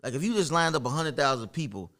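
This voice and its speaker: A man's voice: a little high, expressive, fast talker, fairly bright tone. A man in his early thirties joins a podcast chat, backing others up with short agreements. When he makes a point, his voice moves up and down a good deal. He sounds engaged and encouraging. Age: 30s. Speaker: guest.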